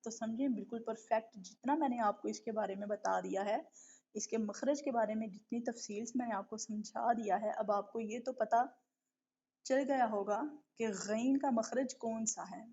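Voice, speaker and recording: A woman's voice: fairly high pitch, steady tone, creaky, warm tone. Patient woman teaching recitation, lo-fi audio. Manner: patient, explanatory, keeps checking with a repeated question; demonstrates letter sounds slowly and drawn out. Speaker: tajweed teacher. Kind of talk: live online lesson. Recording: dull lo-fi online stream audio.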